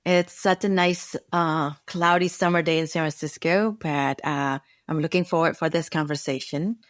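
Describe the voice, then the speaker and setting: A woman's voice: sits low, fairly even intonation, normal speed, dry recording, studio quality. A woman hosting a podcast, reading a formal guest introduction and then opening the conversation in a friendly way. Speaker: podcast host. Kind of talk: scripted introduction and interview.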